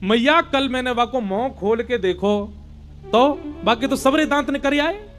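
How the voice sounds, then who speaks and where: A man's voice: very high-pitched, lively intonation, unhurried, faint music behind. A male preacher voicing the child Krishna, a mischievous three-year-old who complains in a sobbing, childlike way. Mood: complaining. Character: little boy Krishna, three and a half, mischievous.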